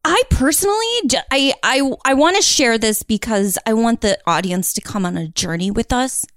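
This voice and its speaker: A woman co-hosting a casual podcast, bubbly and often laughing. Her voice sits high and leaps around with lively swings. The recording is dry and close. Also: normal speed, no room sound. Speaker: podcast co-host.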